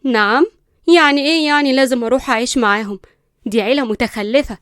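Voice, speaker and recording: A woman puts on a spoiled, arrogant young woman from a storybook, with an Egyptian Arabic accent. She talks fast and fairly high, loud and scornful, and the recording sounds close and dry. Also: no room sound, lightly acted. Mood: indignant.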